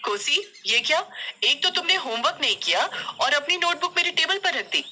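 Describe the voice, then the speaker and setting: A woman's voice: sits high, big pitch swings, normal speed, background noise, pitched above the performer's own voice. A woman voicing a stern, snobbish female teacher who scolds a poor pupil. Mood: scolding.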